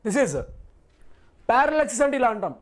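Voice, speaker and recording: A man's voice: very high voice, big pitch swings, a little slow. A male physics teacher in a live online class who reassures his students, repeats every point and asks and answers his own questions.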